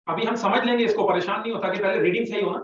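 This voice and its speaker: A man's voice: high voice, very fast, fairly bright tone. A man teaching an Arabic class, patiently explaining and prompting students to repeat after him. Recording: echoey room, slightly dull sound.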